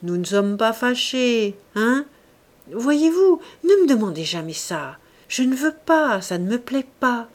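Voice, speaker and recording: A woman's voice: on the high side, expressive, normal speed, darkish tone, close to an everyday voice. A woman reading an audiobook, voicing a proud young society woman who mocks and teases her suitor. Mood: mocking. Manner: teasing, scornful.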